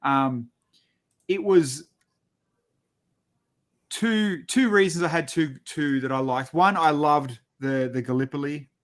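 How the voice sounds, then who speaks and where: A man's voice: a little high, slow, long pauses. Blokey man chatting casually. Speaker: host of a hobby show. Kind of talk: casual chat.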